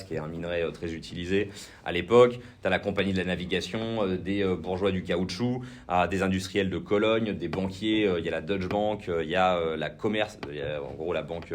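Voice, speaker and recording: A man with a French accent giving an informal political training talk, hesitant, with many fillers and restarts. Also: low voice. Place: indoor training session room.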